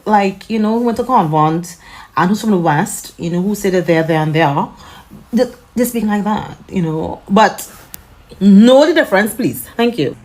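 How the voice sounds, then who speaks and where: A woman's voice: on the high side, a little mellow. Blunt Trinidadian woman. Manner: blunt, peppers talk with "right?". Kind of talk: casual social media rant.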